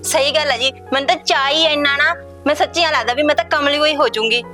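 A woman's voice: sits high, fast, sharp tone, faint music behind. Woman playing a doting, effusive aunt. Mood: overjoyed. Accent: Indian Punjabi. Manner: effusive, exclamatory. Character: childless paternal aunt, doting and emotional. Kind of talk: village family short film acting.

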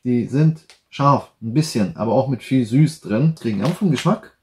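A man in his twenties giving a casual taste-test review to camera, talking between bites of crisps. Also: medium pitch, normal speed, darkish tone. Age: 20s. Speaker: product reviewer. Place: small quiet room indoors, at a table. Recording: some background noise, rustling and clicks.

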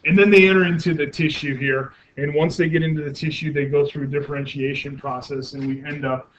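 This man lectures on anatomy at a university, asking the class questions as he works through the material step by step, full of fillers and self-corrections. He speaks briskly in a slightly high voice with a steady, fairly bright tone. The classroom recording is muffled and lo-fi, with faint noise.

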